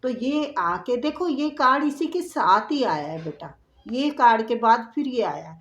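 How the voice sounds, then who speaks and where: Slow-talking woman giving a tarot reading. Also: on the high side, animated, highs cut off. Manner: warm, repetitive, chatty explaining, addresses viewer directly. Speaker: tarot reader. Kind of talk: tarot reading addressed to viewers. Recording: echoey room.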